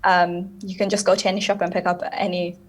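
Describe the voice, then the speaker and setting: A woman's voice: fairly low pitch, a little fast. A woman from Bangladesh, a guest on a TV talk show, speaking thoughtfully and steadily over a video call. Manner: thoughtful, steady, uses Islamic phrases.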